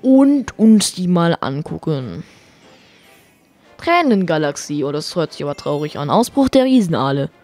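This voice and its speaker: Excitable low-voiced woman commenting on a game. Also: moderate pace. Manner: excitable and chatty, swears, drops English exclamations. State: voice getting strained. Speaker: let's play host. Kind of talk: live gameplay commentary. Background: faint game music.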